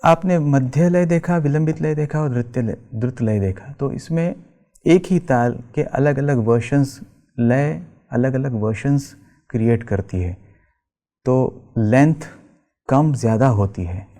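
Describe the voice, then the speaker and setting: A male tabla teacher lectures with tabla music playing behind him, his voice medium-pitched and mellow. Speaking slowly and patiently, he explains terminology, chants the spoken tabla syllables in rhythm, and blends English terms into his speech.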